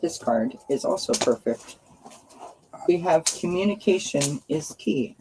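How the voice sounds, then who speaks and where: An unhurried, animated woman with a low-pitched, scratchy voice hosts a live card-reading stream, drawing oracle cards and chatting in a friendly, casual way with viewers. She's outdoors by a firepit.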